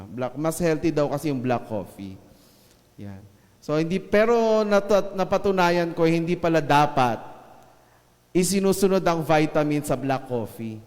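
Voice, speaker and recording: Male preacher, slightly high voice, casual joking sermon with slow emphatic scripture lines, reverberant church hall. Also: a little mellow.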